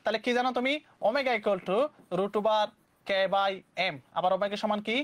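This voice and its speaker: Brisk young Bangladeshi male tutor. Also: sits high. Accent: Bangladeshi Bengali. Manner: brisk, mixes English terms into Bengali. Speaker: physics tutor. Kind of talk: exam-prep lesson.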